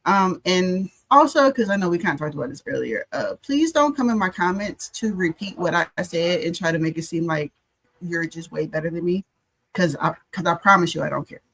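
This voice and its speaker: A woman's voice: on the low side, animated, brisk, fairly bright tone. An American woman talking casually as a panelist on a podcast.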